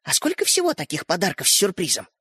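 An earnest young schoolboy, eager and a little anxious, as a male reader puts him on. His voice sits high and jumps around a lot. The sound is dry and close. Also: huge pitch swings, fast talker, bright, forceful tone, husky, dry recording, exaggerated voice.

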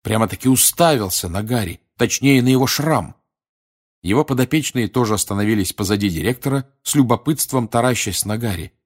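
Low-voiced guy reading a bedtime story, calm and even. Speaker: audiobook reader.

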